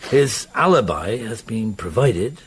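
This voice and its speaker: An actor playing a patient, perceptive police inspector in a radio drama, hesitant, avuncular and probing. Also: male voice, fairly low pitch, animated, unhurried, slightly rough, full character voice. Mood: measured, deliberate.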